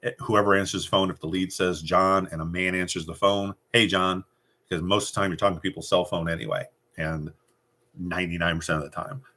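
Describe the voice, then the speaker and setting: A man's voice: low-pitched, steady tone, quick pace, pushed and bright. A middle-aged man giving casual sales training, acting out phone scripts with a confident, direct manner. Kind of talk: casual instructional talk.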